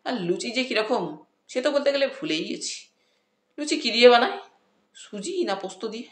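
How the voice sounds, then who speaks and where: A woman narrating a comic audiobook story in the first person, with a lively storytelling manner. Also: a little high, moderate pace. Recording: roomy echo.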